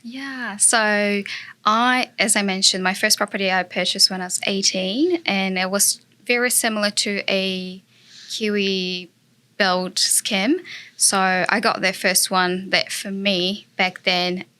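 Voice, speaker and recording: A Brazilian woman with a Brazilian Portuguese accent appears as a guest in a casual interview, speaking as a property investor. She talks earnestly with lots of fillers, in a medium-pitched, steady, sharp voice at a slow pace.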